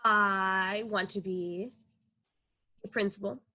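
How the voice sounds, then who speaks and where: Speaking slowly with a medium pitch, a young woman co-hosts a kids' read-aloud on a video call, keeping it animated and teaching through eager questions.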